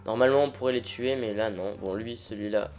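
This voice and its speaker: A man's voice: fairly low pitch, brisk, a little mellow. A man hosting a let's play, chatting informally and a little hesitantly to viewers as he improvises gameplay commentary.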